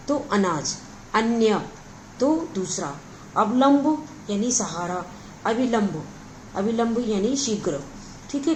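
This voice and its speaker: A woman's voice: mid-range voice, darkish tone, a little hiss or hum, rough recording. Patient woman teaching a grammar lesson. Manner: patient, repeats words and adds frequent check-ins. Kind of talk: explanatory Hindi grammar lesson.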